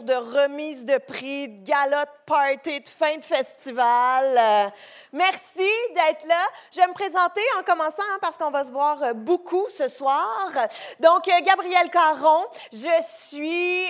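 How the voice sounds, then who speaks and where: Woman, Québécois French accent, high voice, comic ceremony host, playful teasing banter, live stage. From Quebec. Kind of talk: live stand-up style hosting. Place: live stage before an audience.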